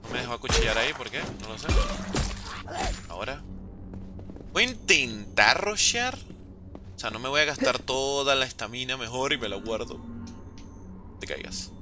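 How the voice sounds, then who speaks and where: A man casually commentating his gameplay, jokey and excitable, often exclaiming. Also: medium pitch, normal speed, pauses often, music in the background. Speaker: gaming host. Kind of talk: let's play commentary.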